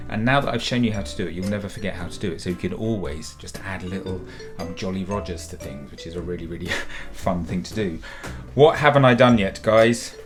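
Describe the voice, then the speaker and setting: A middle-aged man from the UK talks children through a drawing lesson in a chatty, encouraging way, calling them guys. His voice sits on the low side. Soft music plays faintly behind him. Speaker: children's drawing tutor and author.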